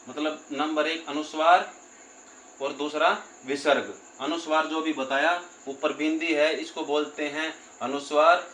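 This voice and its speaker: A man with a slightly high voice teaches a grammar lesson. He goes over each point more than once and slows down to spell out word parts. The room echoes, with a faint hum behind him. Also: bright, forceful tone. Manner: repeats points, often says "theek hai" and "doston".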